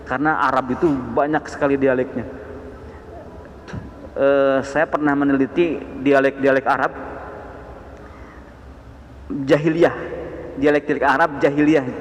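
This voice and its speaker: A man with a Sundanese accent teaching a dawn study session on the Quran, with animated rising emphasis on key words. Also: mid-range voice. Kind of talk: mosque study sermon. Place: mosque. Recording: echoey mosque hall.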